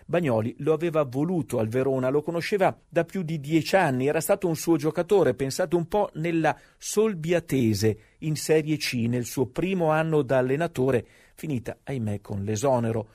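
A man's voice: on the high side, moderate pace, few pauses, darkish tone. A man narrating scripted sports history as a storyteller, with conversational rhetorical asides.

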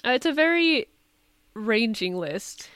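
A woman's voice: fairly high pitch, slow pace, clean tone, no room sound. A young woman co-hosting a podcast, telling stories casually with lots of likes and laughter. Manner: animated storyteller, laughs often, says like. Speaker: podcast co-host. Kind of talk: casual chat.

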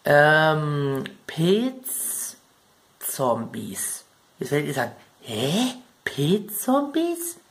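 A man with a German accent talking casually about video game plot points, chatty and rambling, often turning to address his viewers directly. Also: a little high. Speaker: gaming video creator.

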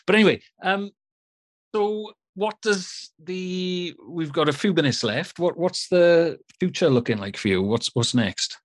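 A man hosting a podcast interview over a call, relaxed and friendly, often repeating words as he starts a question. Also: high voice, unhurried, dry recording. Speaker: podcast host. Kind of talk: casual interview chat.

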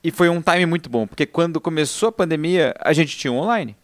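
Male teacher guest, measured, reflective, dry sound. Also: fairly high pitch, animated, no echo. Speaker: teacher and course presenter. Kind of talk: casual chat.

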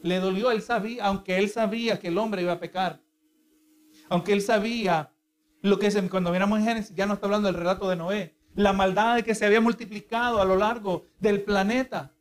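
A man's voice: high-pitched, steady tone, brisk. A man preaching a sermon in a teaching tone, asking the congregation rhetorical questions.

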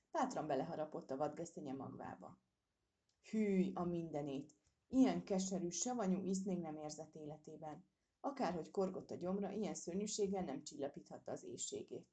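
Lady reading a kids' story out loud, lowish mellow voice, expressive. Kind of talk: reading a children's storybook aloud.

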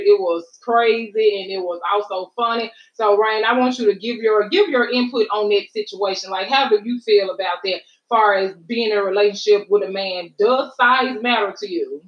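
A woman with an American accent hosting a podcast in a casual, chatty way, informal and rambling. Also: medium pitch. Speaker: podcast host. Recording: roomy, distant, slightly dull mic.

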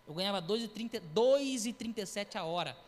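A high-pitched man preaching a testimony in church, spinning his story with acted quotes and noises. His voice carries a long reverb from the hall around him. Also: a little fast. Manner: animated storytelling with acted quotes and sound effects. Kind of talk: sermon testimony.

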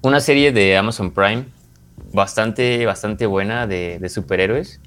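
Low-voiced Mexican man chatting casually. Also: unhurried, fairly bright tone, a little hiss or hum. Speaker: podcast co-host and series reviewer. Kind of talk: casual chat review.

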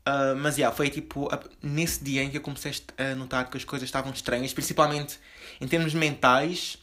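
A young man with a European Portuguese accent and a soft voice, rambling confessionally as host of his own casual podcast, with many fillers and restarts. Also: mid-range voice, level tone, moderate pace. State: slightly deeper voice from just waking up. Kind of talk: casual solo podcast chat.

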